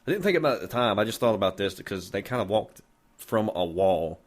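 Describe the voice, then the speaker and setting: Low-voiced man telling a rambling, sweary story. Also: expressive, quick pace. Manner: rambling, heavy swearing, loose and joking. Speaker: podcast host. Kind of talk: casual storytelling.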